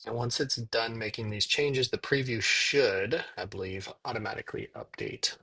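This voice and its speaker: A man giving a casual software tutorial, thinking aloud as he works at his computer. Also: lowish voice, lively intonation, creaky, husky. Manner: thinks aloud while typing, dictating prompts in slow pieces. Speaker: software demo presenter. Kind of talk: casual screen-recorded tutorial narration.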